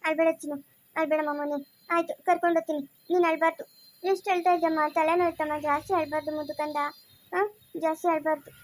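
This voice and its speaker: A doting young mother in a homemade family drama, played by a woman. Her voice is very high and she talks quickly, coaxing and repeating affectionate pet names. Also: level tone, lightly acted. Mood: soothing. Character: loving young mother, soothing and playful. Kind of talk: amateur family drama acting.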